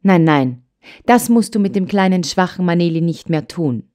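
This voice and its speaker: Gentle old grandmother, voiced by a woman, storybook audiobook, mellow warm tone, earnest, soothing. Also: on the low side, lively intonation, moderate pace, lightly acted. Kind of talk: audiobook character voice.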